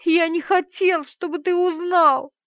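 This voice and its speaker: A woman's voice: very high voice, fairly even intonation, a little slow, no room sound, voice pushed up. A woman voicing a meek, tearful middle-aged man who rambles, in an audiobook. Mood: sobbing. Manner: weepy, rambling. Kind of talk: audiobook character voice. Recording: slightly dull, dry.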